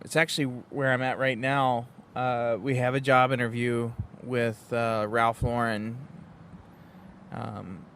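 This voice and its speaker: A man from West Virginia recording an informal, rambling audio diary in a halting, frustrated way. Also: mid-range voice, a bit bright. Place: sitting in a parked car. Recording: noisy field recording in a car.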